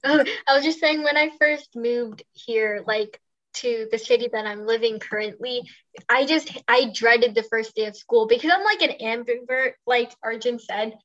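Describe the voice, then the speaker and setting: Quick-talking teenage girl, muffled audio. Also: fairly high pitch, a bit bright. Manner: quick, laughing, fillers like "like" and "right?". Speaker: podcast co-host. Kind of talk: casual chat.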